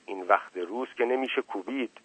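A man's voice: mid-range voice, a bit bright, slightly rough, low-quality recording. A man reading aloud as a firm, decisive village elder who leads the others. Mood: commanding. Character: commanding village elder man, calm leader.

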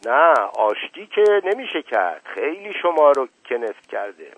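A man's voice: mid-range voice, very animated, fairly bright tone, husky, voice pushed up, heavily acted. A man voicing an older male servant who rambles, hesitates and stammers a pet phrase, in a story reading. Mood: folksy, evasive. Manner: repeats stammering catchphrase, hesitant "ah, ah". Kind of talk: audiobook reading. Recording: tinny lo-fi radio broadcast, dry.

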